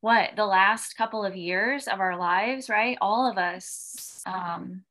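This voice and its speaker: A woman's voice: mid-range voice, takes it slowly, fairly bright tone. Upbeat woman in her thirties, podcast host, encouraging casual delivery. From American Midwest.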